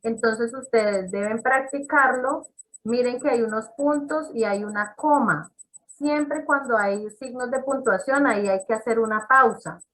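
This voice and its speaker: Over a rough-sounding video call with poor audio, a woman leads an English class, explaining each step and checking in with her students. Her voice is a little high and a bit bright, and she speaks a little slowly.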